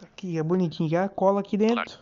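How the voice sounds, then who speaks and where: A Brazilian man with a fairly high voice gives a casual, chatty walkthrough, addressing viewers like pals. The audio is dull and lo-fi, like a phone screen recording. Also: quick pace, a crowd in the background. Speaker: tutorial host.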